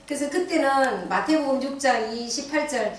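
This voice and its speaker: A middle-aged woman stands before a church congregation and gives a personal testimony, acting out her own cries and prayers as she tells it. Her voice sits a little high. It comes from some distance and rings around a very echoey hall. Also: expressive, moderate pace. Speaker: church deaconess giving testimony.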